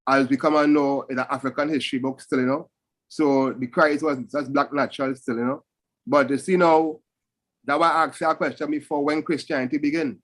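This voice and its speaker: A man's voice: on the high side, fairly even intonation, brisk, low-quality recording. Rasta-talking man with a Caribbean accent. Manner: Rasta speech, patois phrasing with repeated "you know" and "still". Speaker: panel speaker. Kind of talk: Rastafari reasoning, casual spoken discourse.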